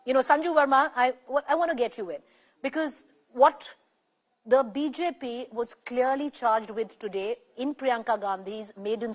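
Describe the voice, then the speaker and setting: Indian woman anchoring a debate, higher-pitched voice. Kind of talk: moderating a television panel debate.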